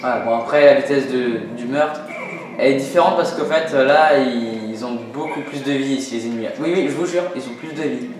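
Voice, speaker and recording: Background noise accompanies a man's fairly quick, medium-pitched commentary as he plays a video game. A let's play host, he is casual and self-deprecating, laughing a lot and using many fillers in a very echoey room with game music.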